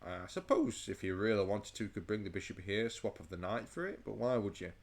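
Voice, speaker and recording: A man with a very deep voice talks through a chess game in a loose, rambling way. His tone is gravelly, with plenty of vocal fry. He stammers and restarts often, sounding overheated and sweaty. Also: animated, fast talker. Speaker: chess channel host. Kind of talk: casual chess game commentary.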